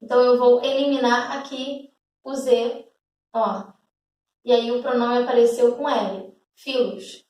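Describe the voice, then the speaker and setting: A woman's voice: a little high, steady tone, unhurried, pauses often, darkish tone, far from the mic. A woman teacher, explaining a grammar rule step by step to schoolchildren and often checking that they follow. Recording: echoey room, away from the mic.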